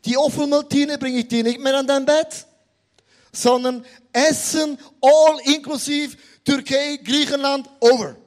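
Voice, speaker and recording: A man's voice: extremely high pitch, big pitch swings, takes it slowly, exaggerated voice. A preacher voicing a stern mother eagle who lays down firm rules for her chicks in a sermon story. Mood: firm, scolding. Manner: firm, emphatic announcing.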